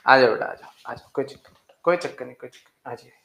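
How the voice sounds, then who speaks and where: A male teacher in a live class, joking with students and repeating key terms slowly. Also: medium pitch, vocal fry, fairly bright tone, roomy sound. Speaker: chemistry teacher.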